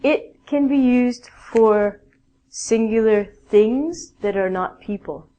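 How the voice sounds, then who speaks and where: A woman's voice: on the high side, slow, warm tone, lo-fi sound. A woman teaching a basic English grammar lesson, patiently explaining rules and reading out example sentences.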